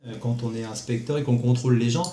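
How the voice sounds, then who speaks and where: A man's voice: mid-range voice, steady tone, fast, mellow. A man talking casually and a bit sarcastically, politely complaining, secretly recorded on a hidden mic. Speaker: benefit claimant questioning an inspector. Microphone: hidden mic in a room. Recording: roomy hidden-mic recording with background noise.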